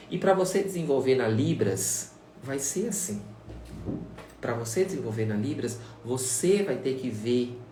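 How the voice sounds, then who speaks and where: A sign language teacher, a man with a mid-range, darkish voice, chats casually with viewers during a live-stream lesson, addressing them directly and going over his points again and again. His voice sounds distant from the mic in an echoey room, with faint ambience and a little hiss or hum.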